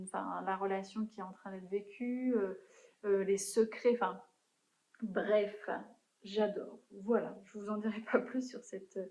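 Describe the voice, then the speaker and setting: A woman's voice: mid-range voice, warm tone, roomy sound, poor audio. A young woman chatting casually about books she has read, in a hesitant way with frequent fillers and restarts. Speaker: book vlogger. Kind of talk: casual book review chat.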